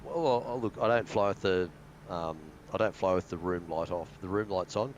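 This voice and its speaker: A man's voice: low voice, moderate pace, highs cut off, slight background noise. An Australian man chatting casually over a voice call, rambling with lots of fillers. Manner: rambling, hesitant, many fillers. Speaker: guest pilot.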